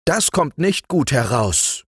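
A man's voice: fairly high pitch, big pitch swings, takes it slowly, breathy edge, no room sound, studio quality, voice pushed up, exaggerated voice. A man reading aloud voices a resigned young housemaid who grumbles. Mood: grumbling. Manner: complaining.

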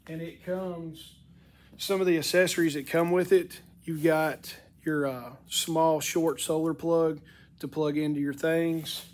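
Middle aged guy doing a casual product review, kinda high voice, stuffy n cracking, plain spoken folksy. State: congested, voice cracking from sinus infection and allergies. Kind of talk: casual unscripted product walk-through. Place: indoor wooden-shelved workshop.

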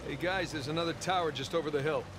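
A man's voice: fairly high pitch, fast talker, noisy background, close to an everyday voice. An actor playing a curious adventurer pointing out what he spots along the way. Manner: lively, observant.

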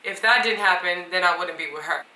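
A woman's voice: fairly low pitch, brisk, bright, forceful tone, reverberant, distant mic, low-quality recording. A woman co-hosting a vlog in casual chat, filling her talk with "like". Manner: chatty, heavy use of "like". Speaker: vlog co-host.

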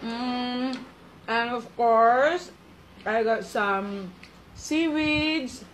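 A woman's voice: on the high side, extremely slow, a little hiss or hum, poor audio. A woman with a Filipino accent chatting casually in her home mukbang vlog, mixing in Tagalog and laughing often. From Philippines. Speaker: vlogger.

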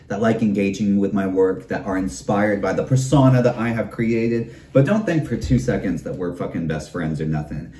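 A man's voice: lowish voice, warm tone. Campy, profane man ranting at a distance. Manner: campy, profane, calls listeners darling. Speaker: videocast host. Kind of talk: comedic ranting monologue. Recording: roomy, distant mic.

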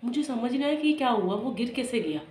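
A woman, telling a personal story in a vlog in an emotional, halting way. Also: on the high side, animated. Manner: emotional, halting retelling with many restarts. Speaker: vlogger. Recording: echoey room with faint noise.

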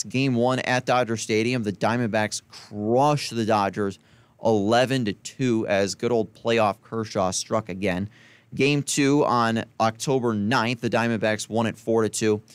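A young man hosts a solo sports rundown on a college radio podcast, reading game times and scores casually and chattily, correcting himself and tossing in quick asides. His lowish voice is smooth and resonant. The close studio mic gives a dry, tight sound with no echo.

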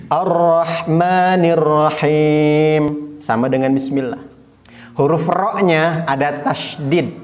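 A man with an Indonesian accent teaching beginners to recite, patiently demonstrating each word slowly and repeating his corrections. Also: on the high side. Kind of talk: slow step-by-step recitation lesson.

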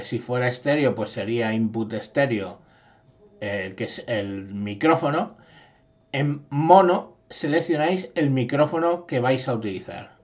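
Man, tutorial presenter, unhurried, step-by-step explaining. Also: mid-range voice, highs cut off. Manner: explanatory, frequent "¿vale?" check-ins. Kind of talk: screen-recorded software tutorial. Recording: echoey processed signal through audio effects.

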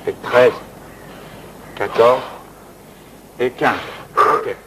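A man coaching an exercise session indoors, giving brisk counted commands and encouragement. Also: mid-range voice, very noisy. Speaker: fitness coach.

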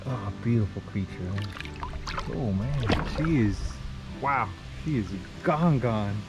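A man commenting excitedly from a small boat on a river, exclaiming as he talks to his viewers. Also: on the low side, slow pace, loud music behind the voice, rough recording. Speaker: fishing vlogger. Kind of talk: casual vlog commentary. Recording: wind and boat noise behind.

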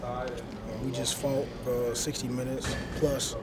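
Young male athlete, postgame presser, halting and measured, heavy crowd noise behind. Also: medium pitch, little pitch movement. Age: young adult. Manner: measured, halting, many fillers. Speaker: college linebacker. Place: stadium concourse with crowd noise.

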